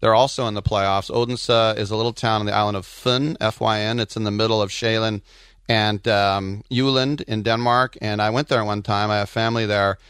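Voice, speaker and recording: A man's voice: lowish voice, steady tone, normal speed, a bit bright, clear, resonant tone, no echo, studio quality. A man talking casual sports as a co-host, wandering off into anecdotes. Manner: digressive, anecdotal. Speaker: soccer commentator and co-host.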